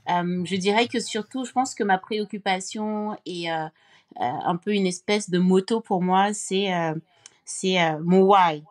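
A woman from Cameroon, a podcast guest, telling her story in a casual interview, pausing often with fillers and restarts. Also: mid-range voice. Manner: thoughtful, many hesitations and restarts.

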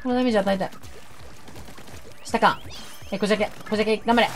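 A woman gaming YouTuber giving excitable game commentary, shouting reactions and talking to viewers. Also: medium pitch, fast talker, soft background music.

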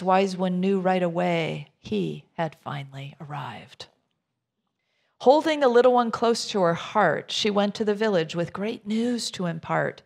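A middle-aged woman minister reads a children's rhyming storybook aloud to a congregation, slowly and in a creaky, mid-range voice. Her storytelling is measured and expressive, with informal asides to the listeners.

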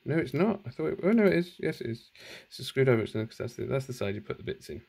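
Gravelly man chatting through an unboxing. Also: medium pitch, big pitch swings, very fast, darkish tone. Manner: chatty, thinking aloud, self-correcting. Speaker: channel host. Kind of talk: casual unboxing commentary. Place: at home indoors. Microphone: handheld phone camera, filming one-handed.

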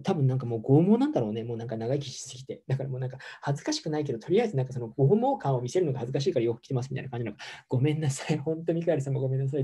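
A man's voice: mid-range voice, dark tone, slightly rough. A middle-aged man, a yoga teacher, giving a campy, chatty, teasing livestream talk and reading viewer comments aloud.

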